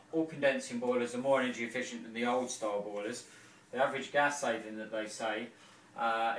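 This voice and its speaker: A man's voice: medium pitch, slight background noise. A man in his thirties, a heating engineer, explaining an installation in a home kitchen and hallway in a chatty, informal way with many fillers. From England. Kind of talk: casual walkthrough explaining an installation. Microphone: camera-mounted mic, filmed by someone else. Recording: roomy, distant camera sound.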